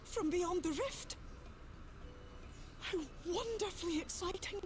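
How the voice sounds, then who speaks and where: A mischievous fantasy game pixie with a very high, lilting voice. She speaks like a leprechaun, theatrical and excitable, with a regal streak. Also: slow pace, a little hiss or hum. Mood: excited, teasing. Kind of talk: scripted fantasy video game acting.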